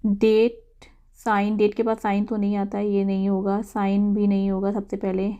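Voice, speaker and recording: A woman, an English teacher going through exam quiz answers, who reads each English question slowly and then explains it in Hindi. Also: mid-range voice, completely flat delivery, mellow, smooth, muffled recording.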